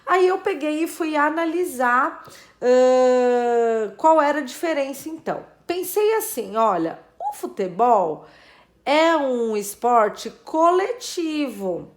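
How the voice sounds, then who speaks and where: Woman, teacher, high-pitched, casual video lesson, thinks aloud, counts out loud. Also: sing-song, slow pace. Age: adult. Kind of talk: casual video lesson explaining math puzzles.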